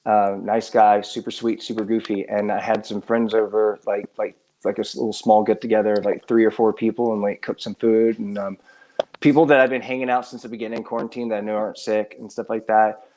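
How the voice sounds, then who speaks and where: A man who is a musician, a guest on a live stream, talking in a rambling, halting way with many restarts and trailing phrases. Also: fairly low pitch, little pitch movement, a little mellow. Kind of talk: casual live stream chat. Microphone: live stream setup.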